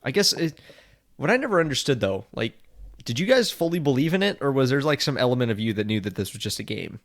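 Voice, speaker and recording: A man's voice: medium pitch, big pitch swings, fast. A man co-hosting a podcast in casual chat, hesitant, repeating his words and laughing often. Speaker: podcast co-host.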